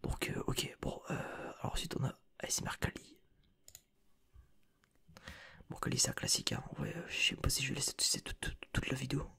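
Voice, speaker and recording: A man's voice: mid-range voice, wildly swooping pitch, fast talker, gravelly, pushed and bright, breathy edge. A man giving whispered ASMR reaction commentary as a content creator and streamer, rambling with slangy, joking asides, close to a sensitive microphone.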